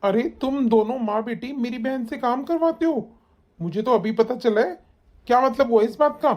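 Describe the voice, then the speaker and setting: A woman voicing a caring young elder brother in an animated family story, concerned and questioning. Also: mid-range voice, moderate pace, natural voice. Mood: angry. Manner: concerned, questioning, raises voice when upset.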